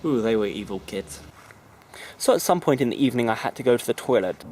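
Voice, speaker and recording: A man's voice: medium pitch, quick pace, slight background noise, rough recording. A man hosting a casual video journal, telling funny stories and acting out bits of dialogue. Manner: animated, acts out dialogue in voices. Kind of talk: casual storytelling vlog.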